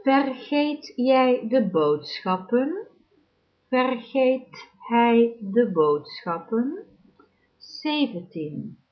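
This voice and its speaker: Very slow, deliberate woman drilling sentences. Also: a little high, sing-song. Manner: deliberate, with long pauses between numbered sentences. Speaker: language teacher. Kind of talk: slow, clearly enunciated drill reading. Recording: dull lo-fi recording.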